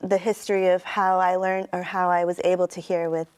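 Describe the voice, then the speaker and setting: A woman in middle age speaks in a somewhat low voice with a standard American accent. She gives conversational interview answers, laying out her thoughts in long, considered explanations. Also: flat delivery, a little fast, smooth. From United States. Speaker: interview guest, turntablist and sound artist.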